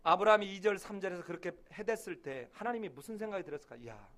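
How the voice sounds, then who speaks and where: High-voiced male pastor preaching. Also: lively intonation, very fast. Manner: acts out quoted voices with sudden loud outbursts. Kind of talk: sermon.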